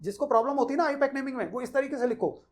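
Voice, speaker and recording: A man's voice: very high-pitched, very fast. Man explaining chemistry naming rules. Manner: conversational, explanatory, repeats key rules to students. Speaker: chemistry teacher. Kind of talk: explaining IUPAC naming in a Hindi-English mix.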